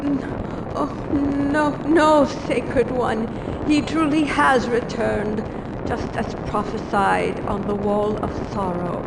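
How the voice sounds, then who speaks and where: A woman's voice: fairly even intonation, takes it slowly, creaky. An actress voicing a reverent, fearful old woman, a village oracle in a video game, with awed, pleading, dramatic delivery. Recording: echoey, with loud rumbling background noise.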